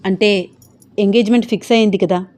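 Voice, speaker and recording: A woman's voice: medium pitch, steady tone, brisk, dark tone, lightly acted. A woman voicing an earnest, stubborn young man in love who argues with his family in a storybook reading. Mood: affectionate teasing.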